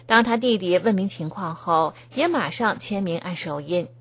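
A woman reading scripted news narration in an even, formal tone. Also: lowish voice, moderate pace. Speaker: news reader.

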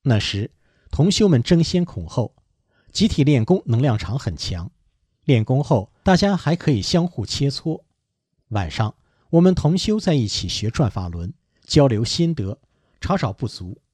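A man giving an earnest, measured read-aloud of a first-person account. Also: mid-range voice, very animated, a little mellow, slightly rough, dry recording.

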